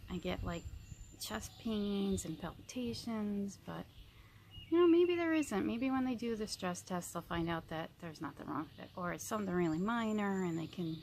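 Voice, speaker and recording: A woman in her early fifties chatting casually to viewers as a vlogger, rambling reflectively and pausing mid-sentence. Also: mid-range voice, animated, darkish tone, slight background noise. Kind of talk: casual chit-chat mukbang vlog.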